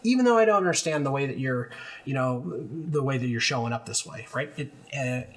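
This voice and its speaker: A middle-aged man with a husky, slightly breathy voice co-hosts a leadership podcast. He talks reflectively about his guiding principles and answers his partner with quick, agreeable yeses. His pitch sits in the ordinary middle range for a man. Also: a bit bright. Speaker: podcast co-host. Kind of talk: conversational leadership talk.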